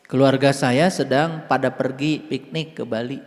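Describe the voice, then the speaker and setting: A man's voice: mid-range voice, steady tone, unhurried. Sundanese-accented man teaching in a reverberant hall. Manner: conversational, shifts between soft murmurs and loud emphatic stresses. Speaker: Islamic spiritual teacher. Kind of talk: informal spiritual sermon.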